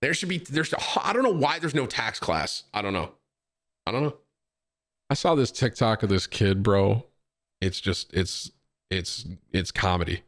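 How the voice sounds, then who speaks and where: A man's voice: on the low side, animated, a little slow, a bit bright. Chatty young man saying bro a lot. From Syracuse, New York, USA. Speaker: streamer and host. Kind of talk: casual stream chat, reacting to clips and reading donations.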